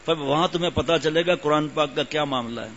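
An older man gives a religious talk in a relaxed, conversational way, circling back to repeat phrases for weight. His voice sits slightly high. The recording is dull and lo-fi, with a faint hum in the background. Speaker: religious teacher. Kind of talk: sermon.

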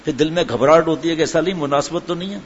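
A man preaching a sermon and telling humorous anecdotes in a chatty way, full of asides. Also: fairly high pitch. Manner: conversational storytelling, chatty asides. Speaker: religious preacher. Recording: dull lo-fi with faint background noise.

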